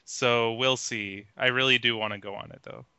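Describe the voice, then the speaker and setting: Bright, clear-voiced male co-host. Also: mid-range voice, steady tone, normal speed, no echo, highs cut off. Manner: hesitant, repeats himself. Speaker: podcast co-host. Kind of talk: casual gaming podcast chat.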